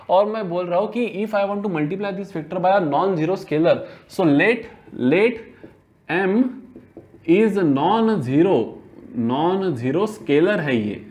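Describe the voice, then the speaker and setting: Chatty Hindi-physics teacher. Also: male voice, on the high side, muffled recording. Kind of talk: classroom lecture.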